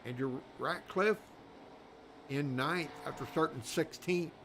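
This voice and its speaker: A man's voice: fairly high pitch, slow pace, noisy background. A man doing live race commentary in a rambling, folksy way, full of fillers. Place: commentary booth at a racetrack.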